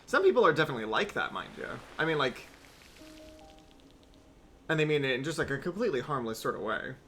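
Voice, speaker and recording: A man's voice: mid-range voice, sing-song, quick pace, fairly bright tone, a little hiss or hum. A young man streaming a game, rambling wryly with swearing asides as he plays. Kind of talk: casual gameplay commentary.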